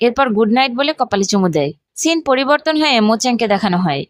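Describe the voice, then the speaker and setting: High-voiced, fast woman narrating a drama recap. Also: big pitch swings, dry recording, studio quality. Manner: brisk storytelling, voicing quotes plainly.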